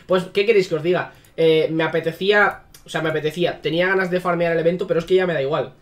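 Sarcastic Spanish gaming commentator. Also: male voice, on the high side, steady tone, fast talker. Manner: sarcastic, swears freely. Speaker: gaming YouTuber. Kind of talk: casual gameplay commentary.

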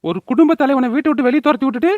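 A woman's voice: high-pitched, racing, phone-quality sound, voice pushed down, lightly acted. A woman voicing a drunken grown son in a cartoon, bellowing and taunting his family. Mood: mocking. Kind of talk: cartoon voice acting.

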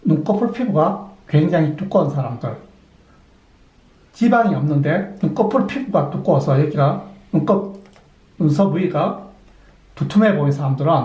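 Middle-aged male surgeon, methodical explainer, slightly high, mellow tone, roomy sound. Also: dull audio. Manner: methodical, poses and answers his own questions. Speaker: plastic surgeon. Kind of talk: explanatory clinic talk.

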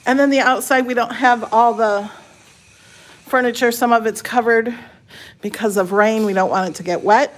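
With a slightly high voice, fairly even intonation and moderate pace, a woman chats casually as she leads a tour through a small house, ending on the porch and driveway. It's shot on a handheld phone by someone behind the camera, and the audio is noisy from being on the move.

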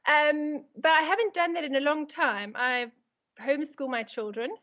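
A woman with a South African accent and a high voice talks as a guest in an interview. She answers casually, in everyday conversational language. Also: normal speed, a bit bright.

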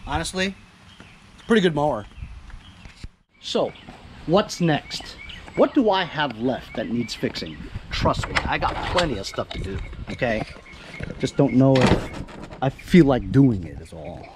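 This man in his 50s has a medium-pitched, sing-song voice and an unhurried pace, pausing often. He's a small engine repair vlogger chatting and rambling with fillers during repairs, caught on an action camera outdoors in a driveway and backyard with background noise behind him.

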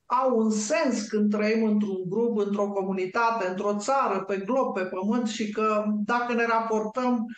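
A woman on a talk show, calmly explaining her ideas step by step like a lecturer. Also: medium pitch, few pauses, reverberant.

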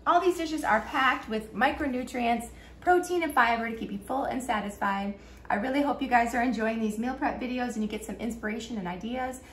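A woman's voice: fairly high pitch, brisk, fairly bright tone. A middle-aged woman hosting a casual cooking vlog, chatting and explaining as she cooks at home, recorded on a camera mic a few feet away in her kitchen. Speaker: cooking channel host. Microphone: camera mic, framed from a few feet away. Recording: echoey kitchen, faint room hum.

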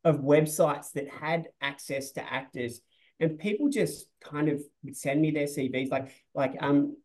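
A man's voice: fairly high pitch, steady tone, measured pace, a little mellow, poor audio. A man, a film director talking over a webcam in a loose, rambling way, full of restarts and "like.". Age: 40s. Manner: rambling, restarts often, says "like" a lot. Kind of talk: casual interview on a video call. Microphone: video call webcam.

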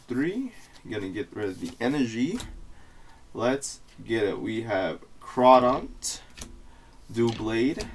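Young man, frat bro manner, casual excited host chat, slangy, medium pitch, slightly noisy room. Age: young adult. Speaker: YouTube host opening trading card packs. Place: small indoor room at home.

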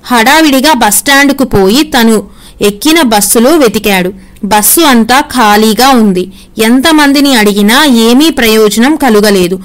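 Brief: female storyteller, scripted devotional narration, steady reading, slightly high voice.

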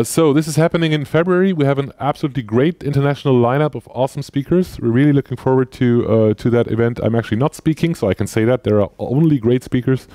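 Walking the stage and gesturing, a conference speaker in his forties talks conversationally into a headset mic, frequently ending lines with "right?" His medium-pitched, warm voice has no echo, and the setting is a lecture room with a projector.

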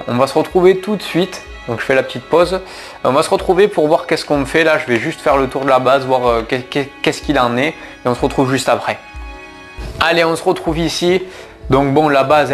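A man chats through his gameplay session, speaking straight to his viewers and stumbling through fillers and restarts as he goes. His voice sits at an ordinary middle pitch. Faint game music plays quietly underneath. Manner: chatty, addresses viewers, frequent fillers and restarts. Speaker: gaming YouTuber. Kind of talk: casual let's-play commentary.

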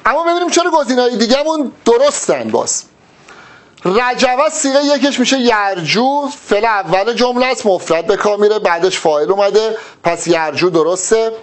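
Brief: male tutor, high voice, exam-prep lesson, walks through each step and quizzes himself aloud. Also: lively intonation. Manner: asks rhetorical questions and answers them himself; explains step by step. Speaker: teacher.

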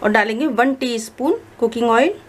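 A woman explaining a recipe step by step in a calm, instructive voice-over as cooking show host. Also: a little high, normal speed, slight background noise. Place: home kitchen.

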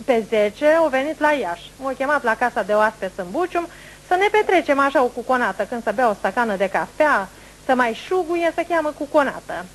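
A middle-aged woman, telling a long rambling story to a group in a room, in animated, folksy regional speech. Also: a little high, a little hiss or hum, rough recording. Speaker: clairvoyant speaking to a group. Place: indoor meeting room, standing before a seated group.

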